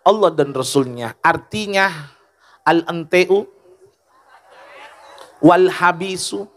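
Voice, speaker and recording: A male preacher delivers a lighthearted sermon, teasing his listeners and throwing questions at them. His voice is bright and forward. His delivery moves between jokes and earnest storytelling. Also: sits high, takes it slowly. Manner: joking and teasing with the audience, asks questions. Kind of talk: humorous sermon.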